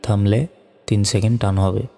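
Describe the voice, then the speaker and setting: A man's voice: fairly low pitch, little pitch movement, a little fast, creaky, warm tone. A man teaching Quran reading with a Bangladeshi Bengali accent, spelling out each letter and vowel mark syllable by syllable before chanting the words. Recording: reverberant hall sound with faint music.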